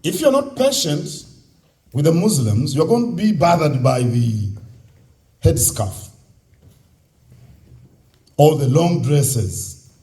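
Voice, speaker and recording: Male motivational speaker, Ugandan accent, fairly high mellow voice, exhorting an audience through repetition and rhetorical questions. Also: very animated, takes it slowly, long pauses. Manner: exhorting, repeats key phrases, asks rhetorical questions. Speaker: speaker at a youth convention. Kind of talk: motivational public speech. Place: live on stage at a convention.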